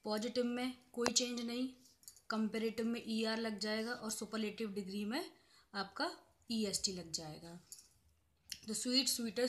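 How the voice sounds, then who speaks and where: A woman professor giving a grammar lecture, explaining step by step and repeating each example slowly, with English terms mixed into her explanation. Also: fairly high pitch, a bit bright.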